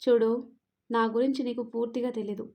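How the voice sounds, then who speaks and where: A woman's voice: a little high, level tone, fairly quick, vocal fry, a little mellow. A woman reading the part of a domineering, possessive young man who scolds and threatens. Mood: menacing. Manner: commanding, scolding.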